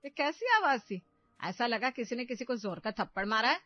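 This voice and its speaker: A woman voicing a meddling, domineering middle-aged mother who loudly stirs up trouble in her family. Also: mid-range voice, moderate pace, no room sound, highs cut off, natural voice.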